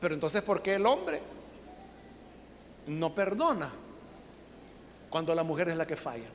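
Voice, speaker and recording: A woman's voice: low-pitched, lively intonation, unhurried. Emphatic woman preaching in a hall. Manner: emphatic, rhetorical questions, acts out quoted voices. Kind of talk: sermon. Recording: long hall reverb, faint background noise.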